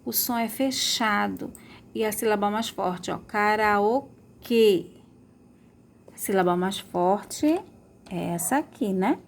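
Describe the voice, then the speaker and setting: A woman's voice: mid-range voice, unhurried, creaky, a little hiss or hum. A woman teaching a remote school lesson, stretching out words to model their sounds and checking in with pupils often.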